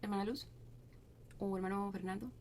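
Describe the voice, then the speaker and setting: A woman reading scripture aloud to a group, steady but with small stumbles and restarts. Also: medium pitch, moderate pace, slight background noise. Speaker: Bible reading leader.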